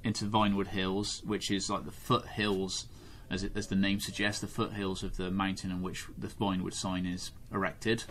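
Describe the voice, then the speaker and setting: Male host, low voice, measured and hesitant, casual chat. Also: little pitch movement. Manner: measured, hesitant, many ums.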